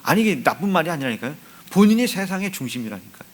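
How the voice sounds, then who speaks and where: A male pastor delivers a lively sermon in a church, his pitch swinging widely as he teases members of the congregation. He keeps acting out little household dialogues, calling on people by name in a playful, animated way. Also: quick pace. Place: church sanctuary.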